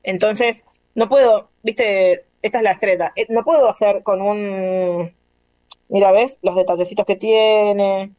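A woman's voice: mid-range voice, steady tone, a little slow, warm tone, no room sound. Rioplatense woman, dry rambling speech. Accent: Rioplatense Spanish. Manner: rambling, searching for words. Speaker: artist guest. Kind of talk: casual video call interview. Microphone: video call.

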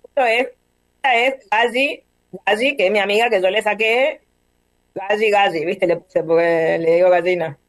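A woman's voice: mid-range voice, moderate pace, no echo. A woman with a Rioplatense accent, guest artist on a casual video call, talking in a rambling way and searching for words. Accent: Rioplatense Spanish.

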